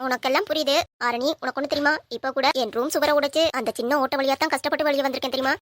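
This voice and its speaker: A woman's voice: high voice, fairly even intonation, very fast, a bit bright, slight background noise. A woman voicing a playful young woman in love who pleads and puts on tears. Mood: pleading. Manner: pleading, fake crying.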